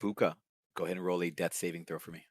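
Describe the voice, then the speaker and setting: Low-voiced male game master, dry sound. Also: fast talker, no echo. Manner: relaxed, filler-heavy narration. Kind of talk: narrating a tabletop game.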